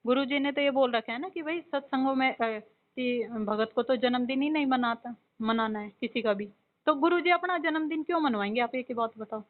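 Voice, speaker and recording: A woman's voice: high-pitched, fairly quick. Insistent woman on a tinny line. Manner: insistent, keeps cutting in with "listen". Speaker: devotee raising doubts. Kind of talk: argumentative religious debate. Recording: tinny phone-like sound.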